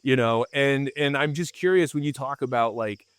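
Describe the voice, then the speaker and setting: A man's voice: medium pitch, normal speed, clear, resonant tone, no room sound. A man with a mid-range voice talks about film in a loose, rambling way. His questions wind on and double back on themselves. The sound is dry and close-miked. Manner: rambling, self-interrupting questions. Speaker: podcast co-host. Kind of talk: casual film discussion.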